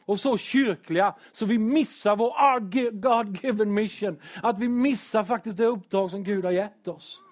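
A man preaching a sermon in church as pastor, earnest and emotional, at times loud and joking at his own expense. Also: high voice, few pauses. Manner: earnest, emotional, sometimes loud with self-deprecating humor.

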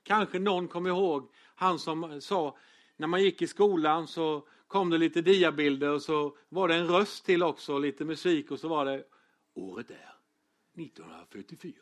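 Pastor, male, high voice, relaxed storytelling sermon with fillers. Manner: chatty storytelling with humor and fillers.

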